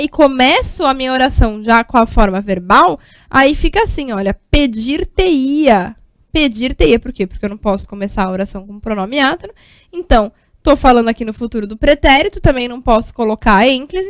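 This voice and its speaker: Brazilian woman, grammar lesson, high voice, explanatory, checks in with listeners, dry recording. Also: no room sound. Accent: Brazilian Portuguese. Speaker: Portuguese grammar teacher.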